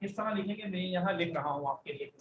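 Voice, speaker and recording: A man with a Pakistani Urdu accent teaches a language class in a fairly high voice. He stretches out example words slowly and clearly so his students can echo them, over a faint background hiss. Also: dull audio. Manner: slow, drawn-out modeling of words for students to repeat. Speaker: Arabic teacher.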